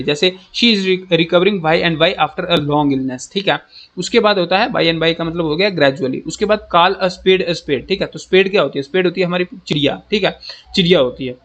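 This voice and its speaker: Fast-talking man teaching idioms. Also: fairly high pitch, a bit bright. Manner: fast-talking, keeps saying "ठीक है"; reads English example sentences slowly. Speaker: exam coaching teacher. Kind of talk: explaining English idioms in Hindi.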